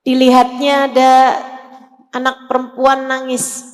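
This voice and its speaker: A woman in her forties from Indonesia, preaching a sermon as an expressive storyteller who swings between soft and loud. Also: sits high, a little slow. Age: 40s. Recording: echoing hall reverb.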